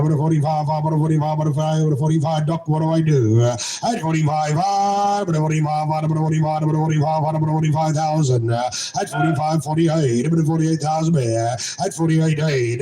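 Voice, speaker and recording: A man working as a livestock auctioneer, chanting bids in a fast rhythmic run. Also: on the high side. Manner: rhythmic chant of repeated bids, switching languages. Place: cattle sale ring. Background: crowd of buyers.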